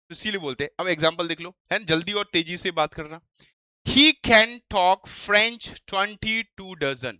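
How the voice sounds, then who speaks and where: A male teacher explaining vocabulary in Hindi and English, who asks rhetorical questions and reads English phrases slowly. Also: high-pitched, bright, forceful tone, clean tone, no room sound, studio quality.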